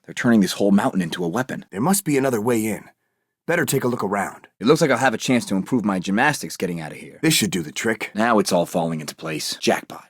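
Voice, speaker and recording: An actor playing Captain America, a heroic and determined American soldier, delivering terse, earnest video game lines. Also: male voice, fairly low pitch, animated, fast talker, husky, no echo, clean studio sound. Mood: focused, determined.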